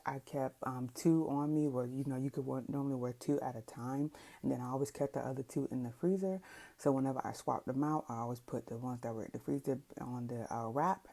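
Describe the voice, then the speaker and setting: Very deep, creaky-voiced woman. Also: warm tone. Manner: conversational, explanatory. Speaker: vlogger. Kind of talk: casual product recommendation vlog.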